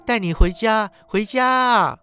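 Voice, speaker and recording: A loving little girl in a told story, eager and tender, with a man putting her on. The voice is pitched well above the storyteller's own. Gentle music drifts faintly underneath. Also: slow, smooth, full character voice. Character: sweet little girl, loving younger sister. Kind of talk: storytelling narration.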